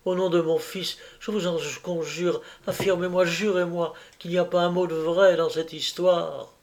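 A man's voice: sits high, little pitch movement, normal speed, voice pushed up. A man reading aloud as an anguished, insistent young woman, raising his voice in pleading emotion.

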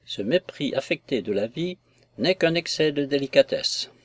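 A man voicing a shy, tender young gentlewoman who answers softly and with some hesitation. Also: on the high side, lively intonation, normal speed. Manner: soft, hesitant replies.

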